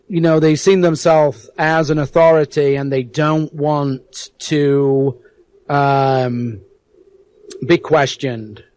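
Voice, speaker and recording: A man from South Yorkshire, England, appears as a guest on an internet radio interview, speaking earnestly and often repeating words as he hunts for the right one. His accent is hard to place, English with an American tinge, and his voice is fairly high and darkish.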